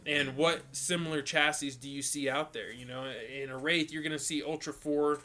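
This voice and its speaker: A man's voice: fairly high pitch, moderate pace. A man hosting a live stream, casually answering viewer questions with lots of ums and restarts. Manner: relaxed, rambling, many ums and restarts.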